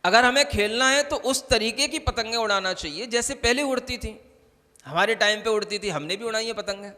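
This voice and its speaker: Heard with long hall reverb, a male Jain monk with a high, bright voice and a forceful tone talks fairly quickly through a conversational sermon. He frequently checks whether listeners understand, repeatedly asking "समझ आ रहा है?".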